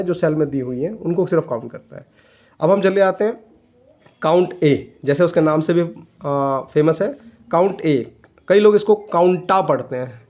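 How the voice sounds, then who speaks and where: In this screen-recorded software tutorial, a male computer tutor explains a spreadsheet one step at a time. He speaks Hindi sprinkled with English terms, frequently saying "ठीक है", in a fairly high-pitched voice with a dark tone.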